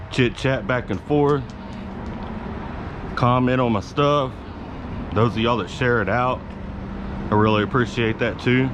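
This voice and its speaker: A man talking casually to his viewers as a vlogger, rambling in a laid-back, slangy way with some swearing. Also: mid-range voice. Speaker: YouTube vlogger. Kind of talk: casual rambling talk to camera. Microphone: action camera clipped to his hat. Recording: clear outdoor and vehicle background noise.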